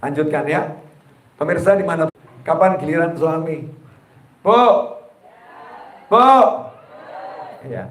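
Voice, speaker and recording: A man preaching to a live crowd in a roomy, echoing hall. His voice sits a little high for a man, and he keeps it light and jokey, speaking right at his listeners. He often splits a word across a pause before finishing it. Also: a little hiss or hum. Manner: jokey, addresses the audience directly, acts out quoted people; breaks words across pauses, then finishes them. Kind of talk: humorous religious sermon to a live audience. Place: gathering hall with a live audience.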